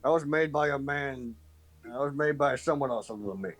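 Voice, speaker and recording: A man's voice: medium pitch, brisk, fairly bright tone, natural voice. A man voicing a burly male general store keeper who is curt and a little defensive, in a tabletop game. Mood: sheepish.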